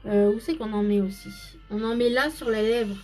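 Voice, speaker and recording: A woman's voice: fairly high pitch, moderate pace, a little mellow, faint music behind. Chatty woman doing a live makeup demo. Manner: chatty, greets viewers by name, explains each step. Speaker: makeup live-stream host. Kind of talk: casual live makeup demonstration.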